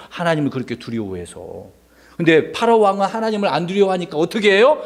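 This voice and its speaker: A man gives a Sunday school sermon to children, pitched high for a man. His voice swings widely up and down as he quizzes the kids and acts out small voices. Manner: animated, asks the children questions and acts out voices.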